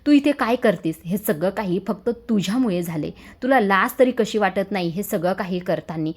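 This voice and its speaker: A woman's voice: medium pitch, animated, moderate pace, a little mellow, natural voice. A woman voicing a scolding protective aunt. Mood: angry. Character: protective middle-aged aunt, quick-tempered.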